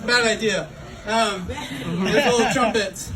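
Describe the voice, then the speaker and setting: A man doing a stand-up comedy set with a halting delivery, full of ums and uhs. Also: high-pitched, background noise. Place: comedy club stage before a laughing crowd. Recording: distant room recording with loud crowd laughter.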